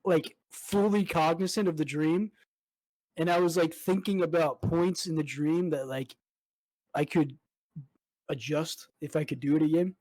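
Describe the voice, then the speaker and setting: A man's voice: a little high, steady tone, unhurried, a little mellow, no room sound, low-quality recording. A young man co-hosting a podcast at home, telling a long story in casual chat with lots of "like" and swearing. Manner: rambling storyteller, heavy swearing and fillers. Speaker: podcast co-host.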